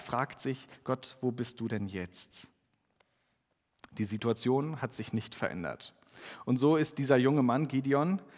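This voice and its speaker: A man reads scripture and then preaches, turning to a plain, explanatory, conversational delivery with the odd restart. His mid-pitched voice fills a church, where a long reverb trails each phrase. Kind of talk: scripture reading and sermon.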